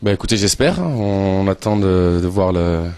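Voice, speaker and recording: A man's voice: sits low, expressive, normal speed, a little mellow, smooth, no echo. A young man, a football player answering casually and a little hesitantly in an interview. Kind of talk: casual pre-match interview.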